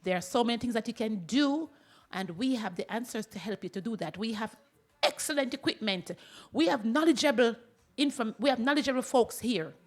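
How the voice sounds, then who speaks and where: A woman's voice: a little high, fairly quick. A woman, a holistic clinic doctor, promoting her clinic on a radio talk show with emphatic repetition. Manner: emphatic, repeats words for effect, laughs often. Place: radio studio.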